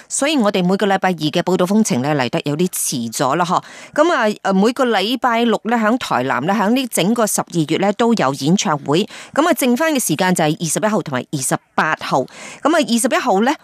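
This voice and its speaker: A woman radio host, chatting through a feature report with many fillers and pauses. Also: on the low side, no room sound.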